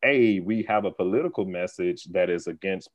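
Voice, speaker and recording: A man speaking as a podcast guest, an animated storyteller who laughs often and talks in quick bursts. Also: low-pitched, dry recording. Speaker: guest, theater organization leader. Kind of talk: conversational podcast interview. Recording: dull lo-fi sound, dry.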